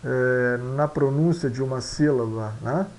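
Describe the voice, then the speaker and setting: Slow, gravelly man teaching. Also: medium pitch, darkish tone, poor audio. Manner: slow, repetitive, tag questions after each point; mixes Spanish phrases into Portuguese. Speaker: language teacher. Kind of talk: explaining Latin pronunciation.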